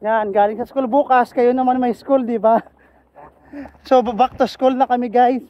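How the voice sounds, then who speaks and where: A man with an Ilonggo accent chatting casually on a walking vlog outdoors, playful and quick to laugh. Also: very high-pitched, steady tone, lo-fi sound. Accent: Ilonggo Filipino. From Philippines. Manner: playful, laughs often, jokes around. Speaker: vlogger. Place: outdoors on a cold street.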